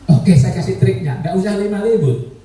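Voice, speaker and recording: A man's voice: high-pitched, lively intonation, fairly quick, warm tone, a little hiss or hum. A male pastor preaching a humorous, conversational sermon who keeps acting out little quoted exchanges. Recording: echoey hall from a distance.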